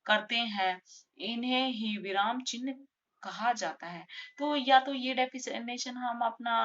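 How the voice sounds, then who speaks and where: A woman's voice: medium pitch, fairly bright tone. A woman teaching in a casual classroom way, repeating each rule in simpler words and stressing the example sentences. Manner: stresses example sentences, saying them slowly. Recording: dull lo-fi recording.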